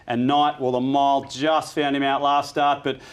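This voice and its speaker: A man's voice: mid-range voice, little pitch movement, moderate pace, smooth. An Australian man hosting a horse racing preview, reeling off odds and form like a betting tipster. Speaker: racing show host.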